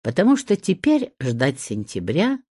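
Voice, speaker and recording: A woman reading a first-person story aloud, in a soft, expressive way. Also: low voice, measured pace, husky, no room sound, clean studio sound.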